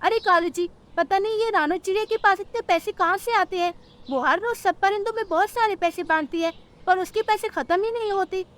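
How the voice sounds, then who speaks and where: A woman voices a scheming, greedy female crow in a cartoon, switching from whining to haughty scorn. Her voice is very high-pitched, fairly quick and fairly bright.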